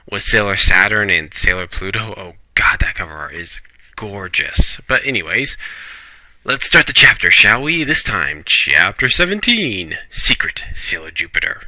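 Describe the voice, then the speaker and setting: A man's voice: on the low side, bright, forceful tone, no room sound. A man casually reviewing a manga chapter, rambling along with fillers and restarts.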